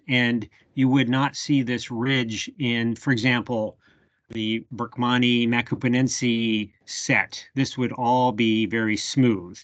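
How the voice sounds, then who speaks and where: A man's voice: medium pitch, no echo, muffled recording. A man leading a live bee identification workshop over a video call, thinking aloud with fillers as he works a microscope. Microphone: computer mic on a video call.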